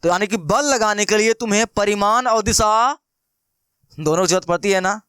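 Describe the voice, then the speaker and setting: Speaking with a Bihari Hindi accent, a young male math teacher in a high, smooth, clear voice poses questions and answers them himself in a playful, chatty lesson. His delivery is pushed and bright at a moderate pace. The sound is close and dry, almost free of room echo.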